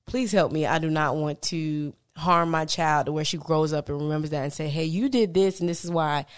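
Low-voiced woman, laid-back interview chat. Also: brisk, clear, resonant tone. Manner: laughs often, relaxed and conversational. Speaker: guest, business founder.

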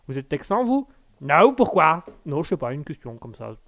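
A man's voice: medium pitch, very animated, fast. A man hosting a live online talk show, rambling and often repeating words. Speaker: host.

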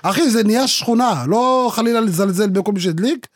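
A young man co-hosting a podcast, telling animated stories in casual slang. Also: high-pitched, dry recording. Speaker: podcast co-host. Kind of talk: casual chat.

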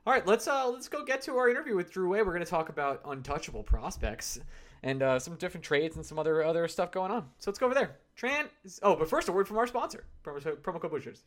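A man's voice: sits high, lively intonation, fast talker. A man hosting a sports podcast in casual chat, steering the questions and the guest. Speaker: podcast host.

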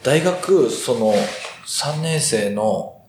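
A young man in his twenties, a rugby player answering interview questions earnestly and thoughtfully, with many pauses and fillers. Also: mid-range voice, expressive, a little mellow, a little hiss or hum. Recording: roomy echo.

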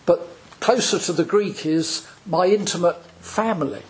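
A male priest preaching a sermon, slow and deliberate, with dramatic pauses between phrases. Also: high-pitched.

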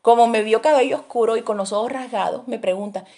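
A woman's voice: fairly high pitch, fast talker. A woman teaching a Bible lesson, telling stories animatedly and acting out voices. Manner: animated storytelling, acts out voices in her anecdotes. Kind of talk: sermon teaching.

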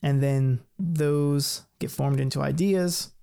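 A man explaining ideas in a relaxed, casual chat, thinking aloud with light laughs. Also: a little high, slow, creaky, smooth.

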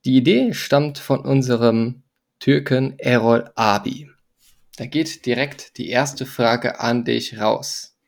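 A man's voice: medium pitch, takes it slowly, creaky. A man hosting a casual podcast, amused and laughing along with his co-host.

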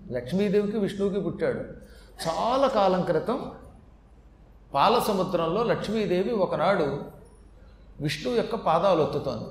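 High-ish male voice doing a chatty scripture talk w jokes, echoey hall. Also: slight background noise. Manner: chatty, with humorous asides. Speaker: religious storyteller. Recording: echoey hall with faint ambience.

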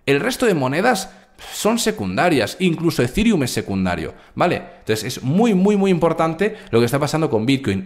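Brash, lively man streaming market talk. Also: mid-range voice. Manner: brash, crude, animated, talks straight to chat. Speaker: crypto trading streamer. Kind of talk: live stream market commentary.

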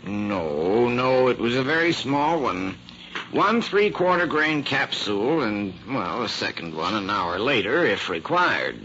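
An American actor playing an obliging, hesitant male doctor in an old-time radio drama, speaking in a halting, thoughtful way. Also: medium pitch, very animated, sharp tone. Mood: helpful, recollecting. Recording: noisy, muffled old radio recording.

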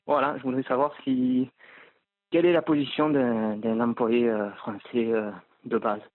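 A man leaves a voicemail over a tinny, phone-like line. His pitch sits mid-range, and the sound is close and dry. He hesitates often and fills the gaps with "euh" as he works toward his question. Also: flat delivery, no echo. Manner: hesitant, filled with pauses and "euh". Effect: leaving a voicemail over the phone. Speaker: caller.

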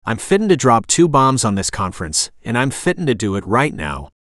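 A man's voice: medium pitch, very animated, brisk, a bit bright, no echo, clean studio sound. A male narrator playing a cocky young man who talks in casual slang and grandstands as a prosecutor in an audiobook. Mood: brash. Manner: casual slang, showy, whiny at times.

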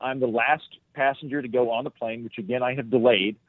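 A man's voice: medium pitch, fairly even intonation, a little fast, no room sound. A male comedian telling a rambling, self-deprecating story as a podcast guest, on a tinny, dry phone-like line.

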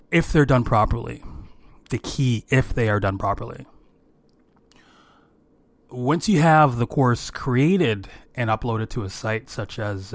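A man hosting an informal solo podcast of business tips in a strained, worn voice, speaking haltingly and often repeating words. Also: medium pitch, dry recording. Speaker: podcast host, creative director.

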